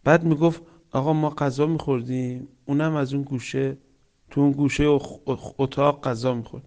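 A man preaching a sermon with stories, swinging between loud emphatic lines and soft hushed ones, reciting Quranic verses. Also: mid-range voice, steady tone. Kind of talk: religious sermon with storytelling.

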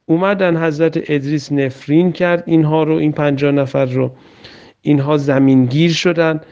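A man's voice: a little high, steady tone, a little mellow, clear, resonant tone. A man preacher telling a religious story in a plain, conversational way. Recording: dull lo-fi recording.

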